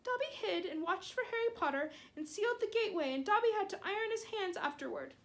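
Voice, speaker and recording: A woman voicing a timid, servile male house elf who speaks in a high, squeaky, pleading way. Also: animated, quick pace. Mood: anxious. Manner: high squeaky pleading, third-person self-reference.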